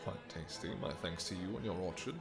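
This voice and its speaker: Over music, a man plays a possessive, lovestruck vampire king in a romantic fantasy audio roleplay. His low, creaky voice delivers formal courtly phrases with halting pauses, in a regal, gracious mood.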